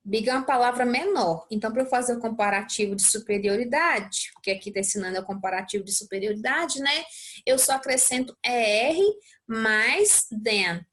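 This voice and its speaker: A woman's voice: fairly high pitch, normal speed, a bit bright. A young adult Brazilian woman teaching English, explaining a worksheet step by step and often checking in with her students. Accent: Brazilian Portuguese. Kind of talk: recorded lesson walkthrough.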